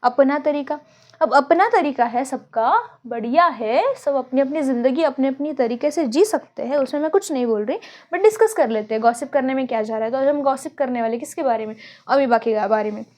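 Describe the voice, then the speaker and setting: A young woman teaching a biology lesson in a casual, joking way, thinking aloud and dictating notes slowly, from India. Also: high-pitched, lively intonation, a little mellow. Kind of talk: casual Hinglish classroom lecture.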